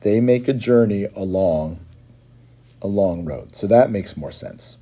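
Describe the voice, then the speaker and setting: A man's voice: fairly low pitch, lively intonation, unhurried, mellow. A man teaching and patiently explaining as he translates line by line, often checking in with "right?".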